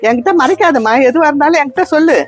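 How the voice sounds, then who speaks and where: Woman as caring kind auntie type, fast soothing talk, a bit high, light music. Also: expressive. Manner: soothing, coaxing. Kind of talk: comedy skit acting.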